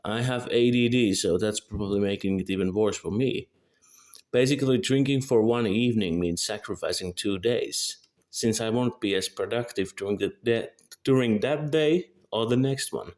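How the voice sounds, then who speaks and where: The speaker is a Finnish video creator in his early twenties whose first language is Finnish. His lowish voice is a little mellow and moves at normal speed as he reads a scripted monologue with a Finnish accent, correcting minor slips carefully.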